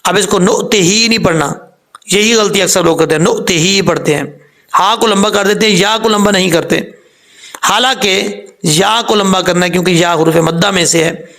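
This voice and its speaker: A man's voice: sits high, pushed and bright. A man teaching Quran recitation step by step, patiently correcting common mistakes and spelling out letters and vowel marks. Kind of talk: step-by-step tajweed lesson.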